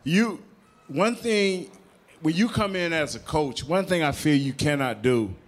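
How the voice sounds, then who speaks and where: A man's voice: fairly high pitch, lively intonation, a little slow. A man on a sports panel who talks loosely, jokes and stresses his points with slang. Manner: loose, joking, emphatic slang. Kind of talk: casual panel chat.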